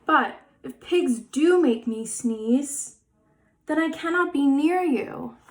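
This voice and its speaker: Woman voicing an anxious, slow, overwrought elephant. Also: sits high, animated. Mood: dramatic despair. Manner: halting, overwrought, drawn-out delivery. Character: anxious, dramatic, sneezy elephant, a devoted best friend.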